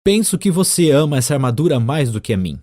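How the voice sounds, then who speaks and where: A man's voice: fairly high pitch, sing-song, fast, mellow, voice pushed up. A man reading an audiobook, voicing a knight's impatient, frustrated wife who speaks reproachfully and makes demands.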